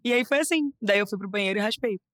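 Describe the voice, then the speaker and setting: A young adult woman from Rio de Janeiro with a Carioca accent, chatting lively as a guest, laughing often and restarting her phrases. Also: medium pitch, fast, no echo, clean studio sound. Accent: Carioca Brazilian Portuguese. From Rio de Janeiro, Brazil. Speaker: guest model. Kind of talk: casual interview chat.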